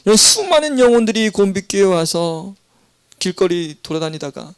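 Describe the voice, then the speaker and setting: A middle-aged man, a pastor, preaching a sermon in a church and telling stories with animated voices. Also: sits high, normal speed, smooth, dry recording. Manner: animated storytelling, acting out voices in quotes. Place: church sanctuary.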